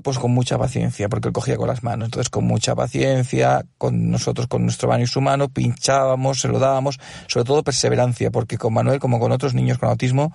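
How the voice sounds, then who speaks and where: Dad talking casual, gravelly husky voice, very dry sound. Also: male voice, mid-range voice, a little mellow, dry recording. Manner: explains patiently with many fillers and asides. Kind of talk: casual testimonial.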